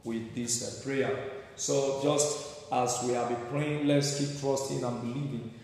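A man's voice: mid-range voice, fairly even intonation, a little slow, darkish tone. A man, a pastor, leading morning prayer from a pulpit microphone, urging the congregation with repeated phrases and questions. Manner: repetitive, exhorting, asks the congregation questions. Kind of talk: exhortation and prayer. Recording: echoey hall, distant mic, faint ambience.

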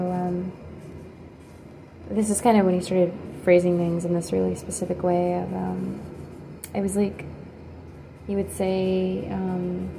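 Halting woman with a flat, gravelly voice. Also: lowish voice, noisy background. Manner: hesitant and halting, with many pauses and fillers; quiet, subdued recounting. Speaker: video creator. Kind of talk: personal storytelling.

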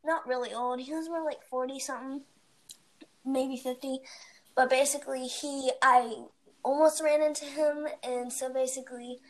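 A teenage girl co-hosts a casual podcast and rambles through a story, piling up fillers as she goes. Her voice sits high. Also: steady tone, normal speed. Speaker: podcast co-host. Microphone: home mic, recorded remotely.

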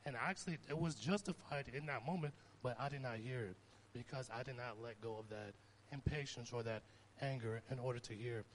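A man's voice: mid-range voice, brisk, a little hiss or hum. A young man giving an informal sermon, talking conversationally and telling stories with rising emphasis. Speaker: preacher.

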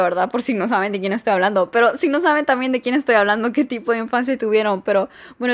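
A young woman, reading out viewer stories and reacting in a chatty, expressive way. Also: a little high. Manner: chatty and expressive, lots of fillers and exclamations. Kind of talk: casual chat.

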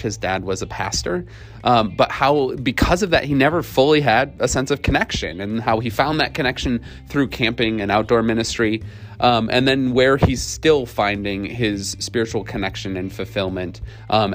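Podcast host, man, 30s, friendly and full of ums, recorded over a video call with tunnel-muffled audio. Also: on the low side. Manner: friendly, with many ums and uhs. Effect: muffled audio, as if talking through a tunnel. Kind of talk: casual faith podcast chat.

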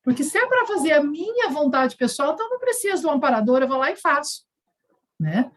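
A woman with a high voice leads a spiritual talk over a video call. She explains patiently and keeps checking in with her listeners. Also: sing-song, a little fast, poor audio. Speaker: spiritual teacher leading an online session.

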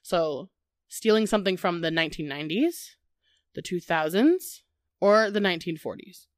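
Young Midwestern woman podcast co-host, slightly low, rambling and giggly, dry close sound. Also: animated, normal speed, dry recording. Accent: Midwestern American. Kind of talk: casual chat.

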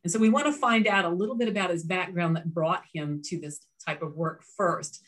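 Casting: woman interviewer, somewhat low voice, friendly and chatty, video call. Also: fairly quick, fairly bright tone.

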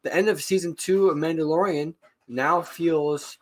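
A man's voice: fairly high pitch, steady tone, unhurried. Rambling opinionated man on a podcast. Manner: rambling, opinionated, leans on filler tags. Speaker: podcast co-host. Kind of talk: casual fan podcast chat.

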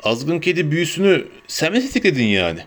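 Man doing threatening dark-wizard guards, curt and cold, audiobook voices. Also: on the high side, sing-song, fairly quick. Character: menacing male dark-wizard enforcers, threatening. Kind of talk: audiobook character voice.

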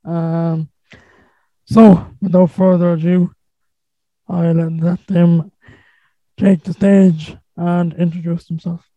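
A man's voice: on the high side, flat delivery, takes it slowly, long pauses, no echo. A man with an Irish accent hosting a podcast and casually interviewing guests. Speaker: podcast host. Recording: phone-like, thin band-limited sound.

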